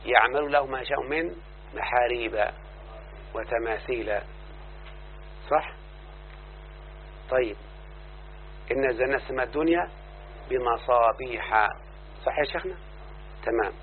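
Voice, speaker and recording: An Egyptian man leads a classroom grammar lesson, walking through each rule and pausing often to check with his listeners. His voice sits in a middle register. The recording is thin and phone-like, with a faint hum underneath. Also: medium pitch. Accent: Egyptian Arabic. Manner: explains then checks the class with repeated questions. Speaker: teacher of Arabic grammar.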